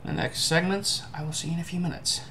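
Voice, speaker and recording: A young man giving a casual, halting food review to camera, musing as he goes. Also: fairly high pitch, fairly even intonation, bright, forceful tone. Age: young adult. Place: indoor room at home. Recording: clearly noisy home webcam recording.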